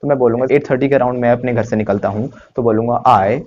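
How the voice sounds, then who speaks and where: A man's voice: mid-range voice, fast, dull audio, a little hiss or hum. A male English teacher giving a spoken lesson, explaining phrases step by step, repeating them and asking the class questions.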